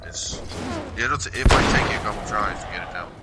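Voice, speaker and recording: A man's voice: fairly low pitch, a little fast, loud music behind the voice. Laid-back man giving game tips. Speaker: co-host.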